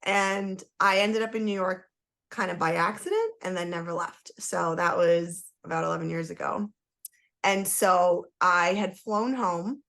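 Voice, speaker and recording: A woman with a somewhat low voice speaks as a podcast guest. She talks candidly and emphatically, with frequent fillers. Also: fairly even intonation, unhurried, creaky, fairly bright tone. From Toronto, Canada; born in Trinidad and Tobago. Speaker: guest, human design coach. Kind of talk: casual podcast storytelling.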